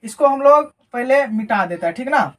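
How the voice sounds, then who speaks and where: Female teacher with a fairly high voice, lecturing at a board; repetitive, quizzing style with constant check-ins. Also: expressive, normal speed. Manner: repeats key words and asks questions she answers herself; often adds a checking "right?" tag. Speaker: English teacher. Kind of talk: classroom lesson explaining phonetics. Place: teaching at a board she writes on and erases.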